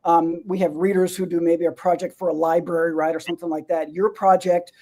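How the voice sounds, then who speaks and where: A man's voice: on the high side, level tone, brisk, warm tone. A man co-hosting a show, explaining things at length in a rambling way with many fillers. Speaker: co-host.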